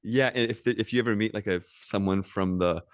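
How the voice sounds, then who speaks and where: An American man with a low, smooth and resonant voice, talking loosely as a podcast guest. He rambles, backtracks and fills pauses with "um." The sound is dry and close. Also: dry recording. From United States. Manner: rambling, with many fillers and restarts. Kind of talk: casual podcast conversation.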